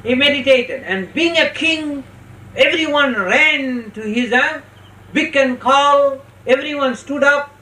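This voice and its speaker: A spiritual teacher giving a religious discourse with parables, speaking instructively and slowly in short phrases with deliberate pauses. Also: sits high, pushed and bright. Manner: instructive, checks listeners' understanding. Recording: roomy, distant mic with faint noise.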